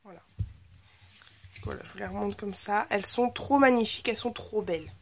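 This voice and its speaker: A woman's voice: medium pitch, fairly quick, vocal fry, a little hiss or hum. A woman with a slightly blocked, nasal voice, chatting enthusiastically in a casual haul video about her new craft supplies. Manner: chatty and enthusiastic, gushing over purchases. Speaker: scrapbooking vlogger.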